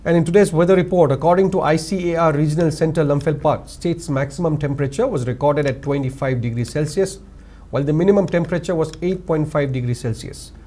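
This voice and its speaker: A male news anchor with a Manipuri English accent, reading scripted headlines in a formal, measured way. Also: fairly high pitch, dark tone. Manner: formal, measured, lifts each story opening.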